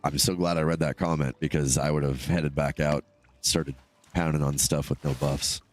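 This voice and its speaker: A male streamer, nose stuffed up from a cold, chats casually with viewers while gaming, rambling from topic to topic and replying to chat comments. His voice is a low rumble, steady and at normal speed, with faint music behind it.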